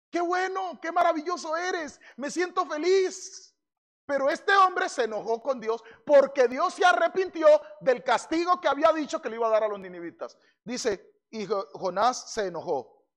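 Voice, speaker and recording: A male pastor with a strikingly high voice preaches a fervent sermon. He questions his congregation directly and builds to shouted emphasis.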